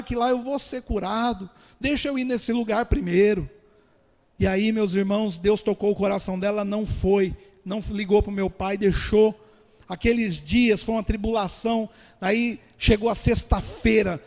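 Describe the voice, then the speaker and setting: A man preaches his own testimony in a church, recounting his story earnestly and turning to the congregation as brothers. His voice sits high for a man, and it rings out with the long reverb of a large hall. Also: a little mellow. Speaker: pastor.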